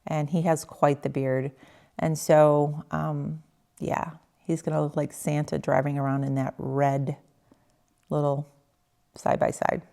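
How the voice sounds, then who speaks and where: A woman's voice: low-pitched, unhurried, gravelly, dry recording, clean studio sound. A woman in her fifties, a health coach, chatting casually to her viewers while outdoors at home and on a walk. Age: 50s. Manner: chatty, relaxed, addressing viewers directly. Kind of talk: casual vlog chat. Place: outdoors at home, patio and walking route.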